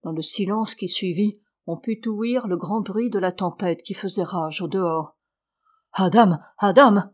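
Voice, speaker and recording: A woman reading a classic novel aloud in steady, measured narration. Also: mid-range voice. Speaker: audiobook reader. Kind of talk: scripted narration.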